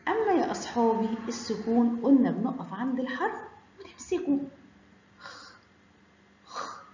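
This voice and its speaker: A woman's voice: fairly high pitch, very animated, fast talker, mellow. A woman with an Egyptian Arabic accent teaching children the alphabet, stretching out each letter sound in a sing-song way. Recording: echoey room, dull lo-fi sound.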